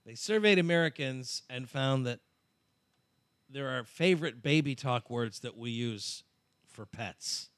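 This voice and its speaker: A man's voice: mid-range voice, animated, measured pace, a bit bright, no echo. A man co-hosting a casual podcast, reading out poll figures in a dry, matter-of-fact way. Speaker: co-host.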